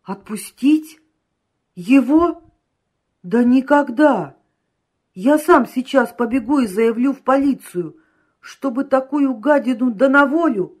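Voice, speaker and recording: A woman's voice: medium pitch, measured pace, slightly rough. Woman doing an impatient, exclaiming merchant man. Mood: agitated. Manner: loud exclamations, raised voice. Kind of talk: audiobook reading.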